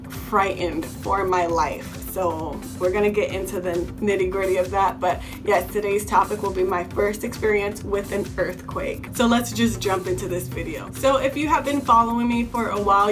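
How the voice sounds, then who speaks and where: A young Bay Area woman who makes beauty vlogs chats her way through a story-time video, often repeating herself. Her mid-range voice holds a steady tone at a moderate pace, with music playing underneath.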